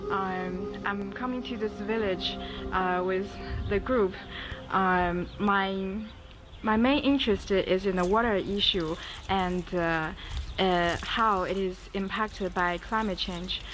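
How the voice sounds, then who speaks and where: A woman from China speaking slowly and hesitantly in a short video interview, with many fillers. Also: medium pitch, a bit bright, soft background music. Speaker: workshop participant.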